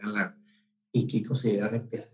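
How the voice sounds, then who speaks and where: A man's voice: fairly low pitch, little pitch movement, normal speed. Rambling Mexican man, echoey room. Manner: rambling, many fillers and restarts. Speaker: event promoter. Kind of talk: casual storytelling interview. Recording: roomy echo.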